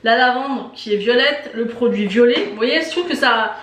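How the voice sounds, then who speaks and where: A woman's voice: a little high, lively intonation, normal speed, a bit bright, recorded from a distance, slight background noise. A woman vlogger doing a casual beauty box unboxing, chatty and enthusiastic, with many fillers. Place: indoor room with shelves of lipsticks behind. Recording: echoey room.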